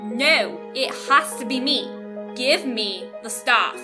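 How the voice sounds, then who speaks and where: A woman's voice: a little high, expressive, slow, bright, forceful tone, soft background music, full character voice. A woman voicing a commanding young theme park princess with posh British vowels in an acted fantasy scene.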